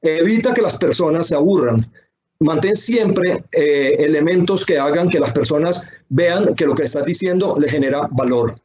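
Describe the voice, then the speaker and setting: A man's voice: on the high side, moderate pace, few pauses, darkish tone, highs cut off. A man giving a sales webinar, speaking, stacking emphatic lists and rhetorical questions. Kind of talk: webinar presentation. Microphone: computer microphone on a video call.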